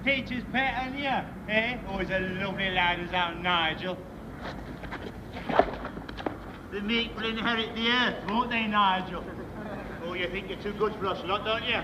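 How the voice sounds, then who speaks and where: An actor playing a cocky, taunting schoolboy bully in a television drama, jeering and mocking. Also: male voice, sits high, normal speed, background noise, close to an everyday voice.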